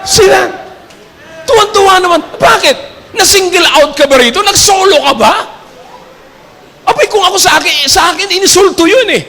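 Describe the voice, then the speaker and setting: A Filipino man preaching a sermon in a church, mixing English and Tagalog, joking and shouting key lines for emphasis. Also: extremely high pitch, animated, moderate pace, vocal fry, long pauses, in a large hall, a faint crowd. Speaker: pastor.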